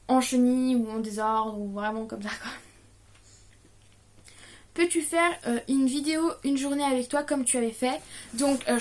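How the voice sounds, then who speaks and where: A woman's voice: fairly high pitch, darkish tone. A young woman in her late teens answering viewer questions in a casual vlog, hesitant and stammering with many fillers, audibly nervous. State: nervous, stressed.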